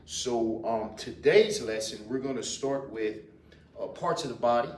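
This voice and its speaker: Male language teacher, Louisiana Cajun accent, deliberate and repetitive, slow delivery, picked up by a distant mic. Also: medium pitch. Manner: deliberate, repetitive, with hesitant pauses. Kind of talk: informal lesson, explaining and repeating words. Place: indoors in a library. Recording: roomy, distant mic, faint noise.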